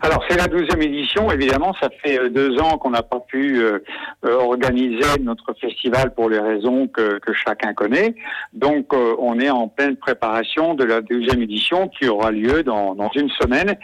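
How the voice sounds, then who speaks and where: A festival organizer from Normandy, France, speaks enthusiastically in a radio interview, warm about the musicians but hesitating often. His voice is medium-pitched at a normal speed, in a dry recording with poor audio.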